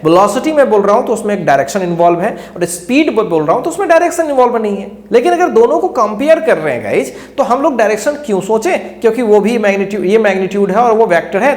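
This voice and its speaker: A male teacher giving a lecture who keeps quizzing his students with rhetorical questions and repeats key phrases as he explains. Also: high-pitched. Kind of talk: classroom lecture. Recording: echoey room.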